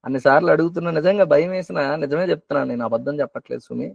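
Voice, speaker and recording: A man's voice: on the high side, steady tone, very fast, gravelly, no echo. Questioning male preacher, dull call audio. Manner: questioning, repeating phrases for emphasis. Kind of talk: sermon at an online prayer meeting. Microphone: video call.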